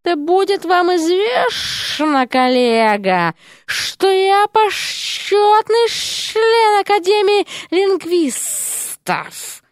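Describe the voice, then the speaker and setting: A woman voicing a haughty snake-woman professor who hisses and drags her words out slowly. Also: very high voice, expressive, dry recording, studio quality, pitched above the performer's own voice, heavily acted. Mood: hissing. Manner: hissing, slow and drawn out.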